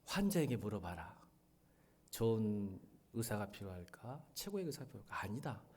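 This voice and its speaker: Middle-aged man preaching a lively sermon. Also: fairly low pitch, normal speed. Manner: animated, swings from soft to loud when retelling a drama scene. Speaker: pastor. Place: church sanctuary.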